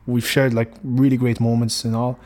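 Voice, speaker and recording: This podcast host is a young Moroccan man with Arabic as his first language and a Moroccan accent, talking casually on his own in a rambling way full of fillers and restarts. His medium-pitched voice is flat and darkish, moving at a moderate pace.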